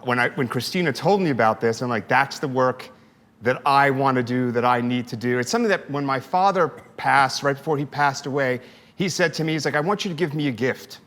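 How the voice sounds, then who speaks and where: A man's voice: medium pitch, brisk, fairly bright tone, big-room sound. A man speaking earnestly in an interview about his feelings, his voice tender and emotional. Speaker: fitness class participant. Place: fitness studio.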